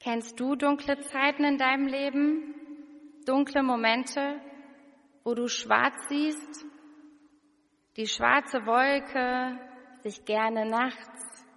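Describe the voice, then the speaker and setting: Woman preacher, slow and earnest, bright voice, long hall reverb. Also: sits high, steady tone. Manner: slow, earnest, questioning the listener directly. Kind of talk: sermon with scripture reading.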